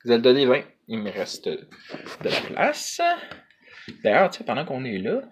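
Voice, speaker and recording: A man's voice: mid-range voice, big pitch swings, a little fast, background noise. A man with a Quebec French accent chatting casually to camera as a vlogger, hesitant and rambling, in colloquial slang.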